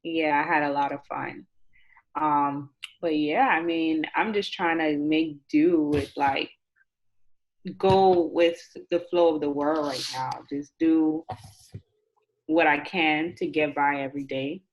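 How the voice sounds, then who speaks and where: A 28-year-old woman from Nassau, Bahamas, speaks slowly in a low voice. She's a chemistry graduate student chatting casually and candidly as an interview guest over a video call, repeating phrases for emphasis. The audio is dull and lo-fi.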